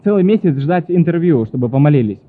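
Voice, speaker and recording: A man's voice: on the high side, expressive, fast. A desperate woman, pleading urgently in a raised voice. A man puts her on while retelling the story. The line is thin and phone-like. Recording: tinny phone-like sound.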